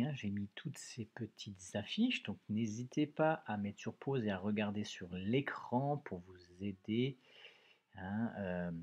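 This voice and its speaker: Guy teacher going over spelling really slowly, lowish voice, keeps saying hein. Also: a little mellow, slightly rough, highs cut off. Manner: slow and patient, syllable by syllable, frequent "hein". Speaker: primary school teacher. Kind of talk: recorded remote dictation lesson.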